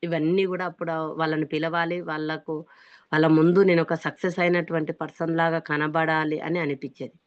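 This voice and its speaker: A woman's voice: deep voice, level tone, brisk, dry recording. Woman, Telangana accent, earnest emphatic testimony, motivational speaker, dry close sound, muffled lo-fi audio. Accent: Telangana Telugu. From Hyderabad, India. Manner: earnest and emphatic, often stressing that she is being sincere.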